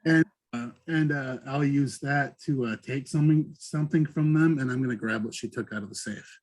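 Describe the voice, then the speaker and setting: A man's voice: medium pitch, a little fast, darkish tone. A man taking his turn as a player in a tabletop game, rambling and restarting as he explains his move. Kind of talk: casual tabletop role-play.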